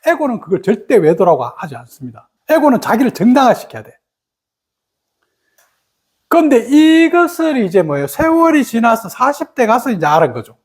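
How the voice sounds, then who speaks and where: A middle-aged woman gives a meditation dharma talk. Her pitch swings widely as she tells stories and mimics her own past grievances in lively bursts. She sounds like a seasoned teacher speaking plainly to listeners. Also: moderate pace, breathy edge.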